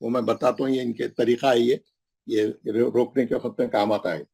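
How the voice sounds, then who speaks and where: A man teaching a Quran recitation class, drilling syllables slowly and often checking in with his students. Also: medium pitch, steady tone, vocal fry, warm tone, husky. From Hyderabad, India. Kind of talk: classroom lesson.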